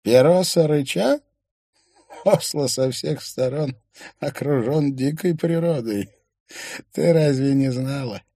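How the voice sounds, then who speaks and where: A man reading an audiobook, voicing a kind old man who speaks slowly and sadly, with no hatred in his voice. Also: medium pitch, warm tone, dry recording, studio quality, voice pushed up. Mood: friendly. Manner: slow, mournful, without hatred. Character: gentle old widowed man, sorrowful and kind.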